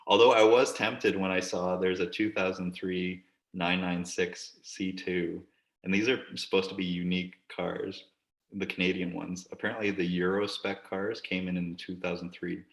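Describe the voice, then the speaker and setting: A man's voice: low-pitched, flat delivery, normal speed, gravelly, reverberant, rough recording. A man co-hosting a casual podcast chat, rambling and joking, with casual swearing. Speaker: podcast co-host. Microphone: desk camera.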